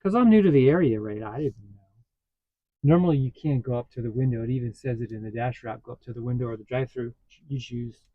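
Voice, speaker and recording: A man's voice: mid-range voice, fast, dry recording, narrow, tinny audio. Chatty man vlogging from his vehicle. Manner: chatty, animated when retelling a story. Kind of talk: casual storytelling vlog. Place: inside a parked vehicle.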